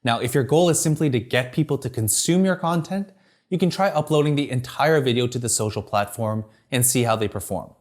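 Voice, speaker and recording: A man delivers a scripted tutorial on video marketing, reading smoothly from a teleprompter at a fairly quick pace. His ordinary mid-pitched voice keeps every point clear, structured and upbeat.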